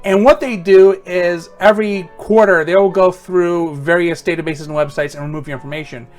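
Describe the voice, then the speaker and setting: A man's voice: sits high, fairly even intonation, moderate pace, faint music behind. A man presenting tech tips in an informal, conversational, matter-of-fact how-to style.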